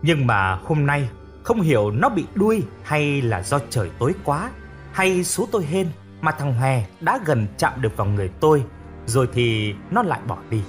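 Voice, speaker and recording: A man narrating a first-person audiobook story in an expressive storytelling manner. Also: mid-range voice, moderate pace, soft background music.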